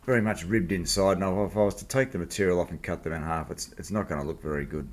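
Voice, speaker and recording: Low-voiced Australian man in a workshop. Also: quick pace. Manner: laid-back, blokey, informal. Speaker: host of a machining project video series. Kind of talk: casual hands-on workshop vlog, explaining the job. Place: home workshop.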